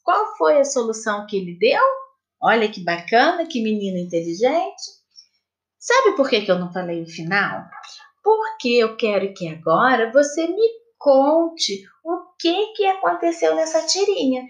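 Slow, lively woman teacher, Brazilian. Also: high voice, lo-fi sound. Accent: Brazilian Portuguese. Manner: slow, patient, sing-song questioning. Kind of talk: recorded remote lesson for children. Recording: echoey room.

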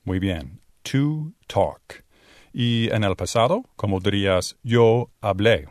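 A man teaching English pronunciation in a bilingual lesson, drawing out sounds slowly to demonstrate them. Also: lowish voice, animated, no room sound, studio quality. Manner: slow, exaggerated demonstration of sounds. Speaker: Spanish-speaking English teacher.

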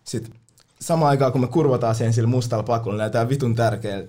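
A young man spinning a long story in relaxed, loose conversation. He talks in thick street slang and swears all the time. He slips into other people's voices when he quotes them. His pitch sits in an ordinary middle range. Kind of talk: casual storytelling chat.

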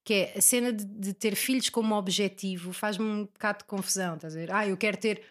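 A woman's voice: mid-range voice, fairly even intonation, brisk. Blunt, slangy young woman. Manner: blunt, slangy, self-deprecating. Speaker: podcast guest, stand-up comedian. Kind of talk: casual, candid interview chat.

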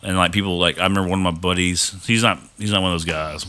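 A man's voice: low-pitched, steady tone, quick pace, bright, forceful tone. A young man telling a long story in a casual chat, rambling and swearing often. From Texas. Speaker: podcast guest.

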